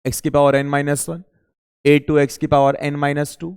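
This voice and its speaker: A man's voice: on the high side, level tone, slow, clear, resonant tone. A man coaching students in maths for an entrance exam, informally asking questions aloud and answering them himself. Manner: informal, addresses students directly. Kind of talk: exam-prep lecture. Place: coaching classroom. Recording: reverberant room.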